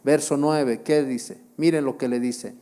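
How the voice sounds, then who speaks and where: A man's voice: mid-range voice, fairly even intonation, measured pace, mellow, smooth. A male pastor preaching a sermon, with repeated phrases, rhetorical questions to the congregation and emphatic exclamations.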